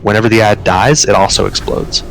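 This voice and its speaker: Gravelly man leading a game raid. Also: fairly low pitch, a little hiss or hum, poor audio. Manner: explains calmly, then barks quick commands. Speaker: raid leader. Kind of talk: live game commentary.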